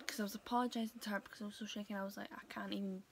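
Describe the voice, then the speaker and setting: A young woman talking casually to her viewers in a vlog, hesitant and full of pauses and fillers. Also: mid-range voice, level tone, slight background noise. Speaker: vlogger. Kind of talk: casual vlog talk to camera.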